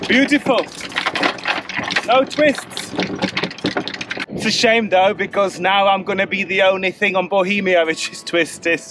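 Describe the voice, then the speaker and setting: A man chatting casually as a sailboat's first mate, teasing and joking with playful, drawn-out delivery. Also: sits high, background noise. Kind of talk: casual vlog chat.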